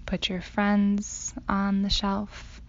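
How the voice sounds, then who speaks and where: A woman leading a guided meditation in a slow, hypnotic, soothing manner with long pauses, her voice going breathy at phrase ends. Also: mid-range voice, monotone. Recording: dull sound, faint background noise.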